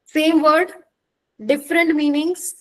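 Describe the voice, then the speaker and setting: A woman teaching an online exam-prep lecture, explaining with examples and checking understanding with quick questions. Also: high voice, flat delivery, a bit bright, rough recording.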